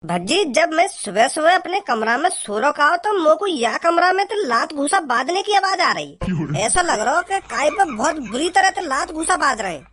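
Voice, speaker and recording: Voice actor playing a cartoon village bumpkin, high-pitched, rambling, stammering, naive. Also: very animated, normal speed, sharp tone, a little hiss or hum, full character voice. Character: silly simple-minded village young man. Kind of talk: cartoon comedy voice acting.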